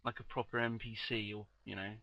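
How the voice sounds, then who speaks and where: A man as game master, narrating a tabletop game with sweary, amused, excitable banter. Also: fairly low pitch, fast talker, vocal fry, muffled recording, over a noisy crowd.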